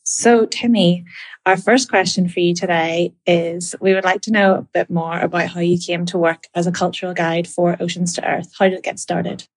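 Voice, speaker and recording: Young Northern Irish woman, volunteer interviewer; low-pitched, calm and measured. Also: slightly rough. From Belfast, Northern Ireland. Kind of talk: podcast interview questions.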